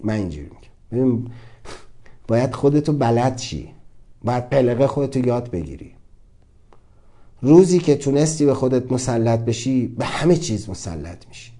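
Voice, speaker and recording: A man's voice: medium pitch, lively intonation, long pauses, dark tone. A young adult man giving a casual motivational talk, earnest and urgent, repeating phrases for emphasis. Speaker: motivational speaker.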